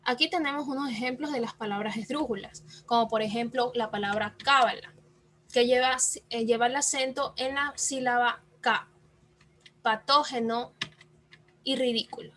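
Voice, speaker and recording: Female student, class presentation, high voice, faint background noise, explanatory. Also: normal speed, a bit bright. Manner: explanatory, asks and answers her own questions.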